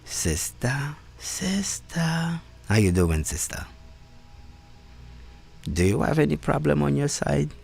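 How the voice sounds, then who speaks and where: A man hosting a live-stream conversation over a call. He talks in a halting way, repeating words and restarting often. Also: fairly high pitch, sing-song, gravelly, a little mellow, faint music behind. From Haiti. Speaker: host and community organizer. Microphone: phone or call setup.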